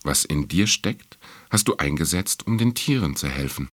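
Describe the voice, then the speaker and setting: A man voicing a wise, kind fox in a storybook reading, calm and gently explaining. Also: rumbling low, moderate pace, no room sound, pitched below the performer's own voice, full character voice. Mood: gentle.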